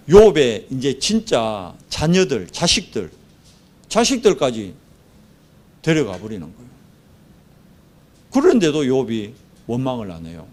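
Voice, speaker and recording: A man's voice: medium pitch, darkish tone. A male pastor from the southeast of Korea, preaching a sermon and telling the story vividly, acting out the dialogue.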